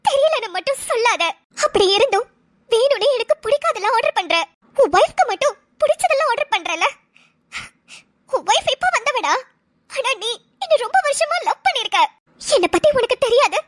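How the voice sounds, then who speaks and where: Woman doing a super high squeaky jealous ex-girlfriend in a cartoon, whiny and sulky. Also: very animated, moderate pace. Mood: bitter. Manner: whiny, pleading, self-pitying. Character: jealous young woman, the ex-girlfriend, clingy and sulking. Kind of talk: cartoon dialogue.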